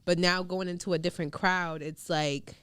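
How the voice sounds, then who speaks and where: A woman's voice: fairly low pitch, fairly even intonation, moderate pace, fairly bright tone, smooth, no echo, clean studio sound. A young woman from Queens with a New York accent, hosting a casual podcast chat, frank and chatty with many fillers. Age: young adult. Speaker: podcast host.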